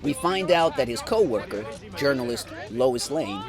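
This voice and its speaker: A man's voice: medium pitch, big pitch swings, moderate pace, crowd noise. A man narrating a comedic movie recap, full of sarcastic, jokey asides, over background music. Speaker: movie reviewer.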